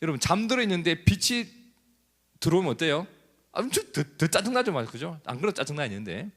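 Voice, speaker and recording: Animated male preacher in an echoey hall. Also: a little high, quick pace. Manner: animated, asks the congregation questions. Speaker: pastor. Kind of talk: sermon. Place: church.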